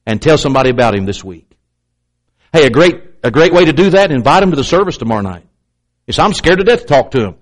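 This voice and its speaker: Here a man preaches at a quick pace, very animated, using emphatic, repetitive pulpit delivery and pointed asides to his congregation. Occasionally he catches on a word because of a slight stutter, and he plays the doubters in a raised voice.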